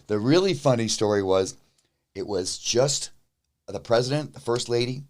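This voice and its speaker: A middle-aged man, a musician guest, telling an animated story in an interview, with many restarts. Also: mid-range voice, normal speed.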